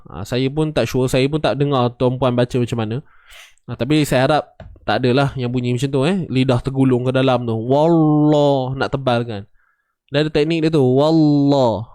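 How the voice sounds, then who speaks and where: A man's voice: mid-range voice, darkish tone, smooth, no room sound, studio quality. A man teaching Quran recitation rules, patiently demonstrating and repeating sounds for his students. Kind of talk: tajwid lesson with recited examples.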